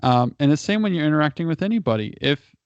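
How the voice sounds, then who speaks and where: A man's voice: fairly high pitch, animated, fast, no room sound. Married man explaining with restarts. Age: adult, married. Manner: explains at length with many restarts and repeated words. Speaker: guest. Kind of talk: casual conversational advice. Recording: dry, dull lo-fi audio.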